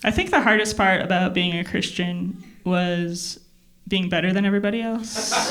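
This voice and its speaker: A woman performing stand-up comedy stories in a deadpan, halting way, with pauses, to a laughing live audience. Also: on the low side. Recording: loud noise of audience laughter. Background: crowd laughter.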